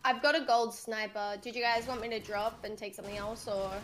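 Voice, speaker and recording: Soft-spoken woman, slightly high voice, squad chat, light background noise. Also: fairly even intonation, a little fast. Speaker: gamer.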